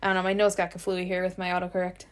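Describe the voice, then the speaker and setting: A woman's voice: lowish voice, monotone, racing. A woman co-hosting a podcast, chatting casually about a TV episode, thinking aloud and giggling often. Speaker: podcast co-host. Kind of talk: casual chat recapping a TV episode.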